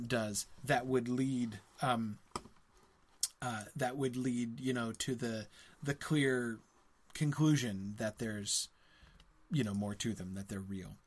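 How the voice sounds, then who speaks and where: A man of average pitch hosts a live book discussion and talks through his ideas as he goes. His speech is hesitant and full of ums. He keeps checking in with his listeners by asking "right?". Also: takes it slowly, darkish tone. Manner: hesitant, many ums, ends points with "right?"; reads passages aloud between comments. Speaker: host of a book discussion stream.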